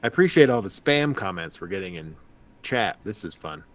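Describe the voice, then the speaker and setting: A man's voice: low voice, big pitch swings, a little fast. A man co-hosting a casual livestream chat about tabletop games, easygoing and joking. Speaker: podcast co-host.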